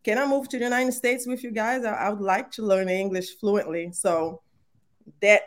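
Her medium-pitched voice stays fairly even at a moderate pace as the Brazilian-accented woman, whose native tongue is Portuguese, recounts her story on a podcast. The interview is casual storytelling. She is warm, earnest, and faith-filled, with many fillers.

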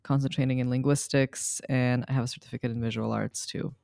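Hesitant young woman, smooth clear voice. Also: a bass voice, steady tone, brisk, a little mellow, dry recording, clean studio sound. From Serbia. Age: young adult. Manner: hesitant, many ums and likes. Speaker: guest, student researcher. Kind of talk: casual interview.

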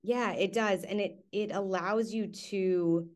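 Light music plays behind this podcast host, a Canadian woman in her thirties whose interview chat is upbeat and enthusiastic. She takes things slowly in a steady, mid-range voice with a slightly mellow quality.

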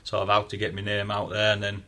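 A man's voice: fairly low pitch, monotone, fast, pushed and bright. A man with a broad Yorkshire accent, a guest telling how he began baking and decorating cakes, in a chatty, rambling way full of restarts. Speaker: cake maker, guest. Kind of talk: casual chat.

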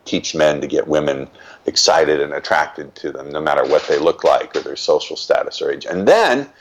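Older man, very low voice, interview guest, reflective storytelling, emphatic. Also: expressive, normal speed, a little hiss or hum.

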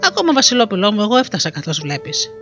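A storyteller voicing a brave, calm young hero, speaking with quiet confidence, on a dull lo-fi recording with faint music behind. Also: mid-range voice, natural voice. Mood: calling out.

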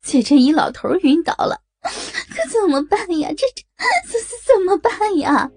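A woman's voice: high-pitched, slow pace, dark tone, pitched above the performer's own voice. A woman voicing a panicked middle-aged woman who sobs and stammers as she pleads. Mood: panicked crying. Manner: sobbing, stammering pleas.

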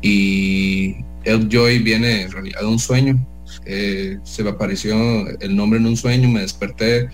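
A man, a DJ guest in a casual radio interview, talking hesitantly with many pauses and restarts. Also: on the low side, steady tone, faint music behind, poor audio. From El Salvador.

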